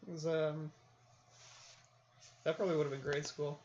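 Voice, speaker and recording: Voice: mid-range voice, little pitch movement, normal speed, a little mellow, slight background noise. A podcast co-host in casual chat who teases with dry jokes, on dull lo-fi audio.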